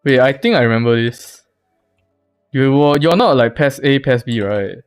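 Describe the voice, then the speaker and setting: Young Singaporean male streamer, mid-pitched, casual and slangy with viewers. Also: lively intonation, normal speed, clear, resonant tone, soft background music. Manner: chatty, talks to viewers, loose slangy phrasing. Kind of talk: casual live-stream chat.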